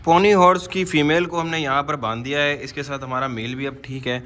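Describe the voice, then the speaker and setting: A man vlogging at an outdoor zoo in a chatty, excitable way, talking to viewers and to the animals. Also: a little high, brisk. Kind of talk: casual vlog narration. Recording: noisy outdoor camera audio. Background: birds and animal calls.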